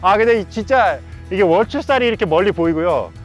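A man with a fairly high voice hosts a travel vlog from a mountain top. He speaks in formal, polite presenter phrases broken by exclamations of wonder. Soft music plays behind him. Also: expressive, a little fast, lo-fi sound. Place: outdoors on a windy mountain top.

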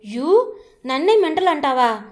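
A woman voicing a feisty, quarrelsome young woman who fires back quick retorts. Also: high-pitched, big pitch swings, darkish tone. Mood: scolding.

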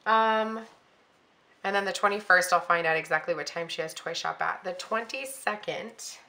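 A middle-aged woman with a bright, crisp edge to a lowish voice, chatting through her week's schedule. She thinks aloud as she goes, filling pauses with ums and correcting herself mid-sentence. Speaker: planner vlogger. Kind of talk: casual planning walkthrough.

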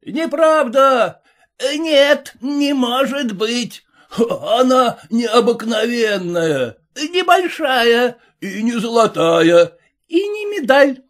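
Storybook heckler in the stands, shrill and mocking; man reads it. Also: big pitch swings, measured pace, heavily acted. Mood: jeering. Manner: mocking, shouting, sarcastic. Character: jeering male circus spectator, sarcastic heckler. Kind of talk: audiobook reading.

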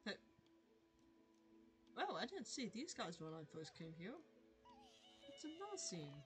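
Woman, live gameplay streamer, tired late at night, laughs and exclaims a lot, slow delivery, faint music behind. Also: mid-range voice, huge pitch swings. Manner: reacts with frequent laughter and exclamations.

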